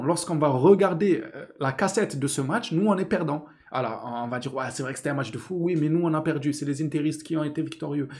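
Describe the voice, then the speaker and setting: A man's voice: fairly high pitch, a little mellow. A young man giving an angry, sarcastic post-match rant as a football video host. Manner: indignant, sarcastic, mocking. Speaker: football commentator youtuber.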